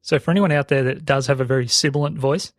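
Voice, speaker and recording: With a medium pitch and a quick pace, this Australian host explains things for his podcast in fairly even tones. His speech is very sibilant, and the dry recording comes from a close broadcast dynamic mic.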